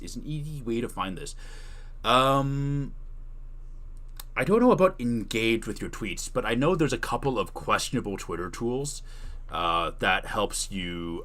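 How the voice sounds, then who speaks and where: A streamer with a somewhat low voice and a fairly bright tone gives a tutorial. He talks casually with his chat, answering questions while he thinks out loud and reframes what he says.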